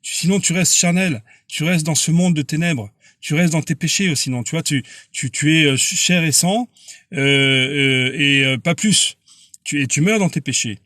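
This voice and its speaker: A man preaching on a live stream in a casual, earnest way. His voice sits a little high, and he stumbles and repeats words as he presses his point. The sound is dry and close, with no room around it. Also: moderate pace, sharp tone, no echo.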